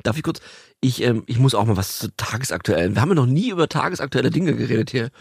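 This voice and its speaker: A man's voice: mid-range voice, lively intonation, quick pace, vocal fry, husky, no echo, clean studio sound. A man co-hosting a podcast, hesitant with many fillers and a teasing manner. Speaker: podcast co-host. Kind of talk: casual chat.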